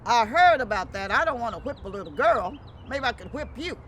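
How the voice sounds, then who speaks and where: A woman with a Lowcountry Gullah Geechee accent voicing a big, boastful male elephant in a folktale, blustering and emphatic. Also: animated, brisk, a bit bright. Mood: firm, reluctant. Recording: clearly noisy background.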